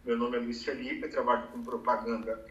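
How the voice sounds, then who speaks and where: A man's voice: mid-range voice, fairly quick, recorded from a distance, muffled recording. Brazilian man in his thirties, echoey room. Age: 30s. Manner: relaxed, many fillers like "né". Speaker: advertising professional giving career advice. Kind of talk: casual conversation.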